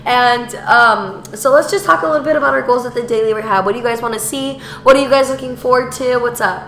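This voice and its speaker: A woman's voice: a little high, fast talker, a bit bright, slight background noise. A teenage young woman hosting a casual student podcast, enthusiastic though her voice is a little groggy from being sick. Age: teens, high school senior. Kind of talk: casual upbeat podcast chat. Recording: echoey room.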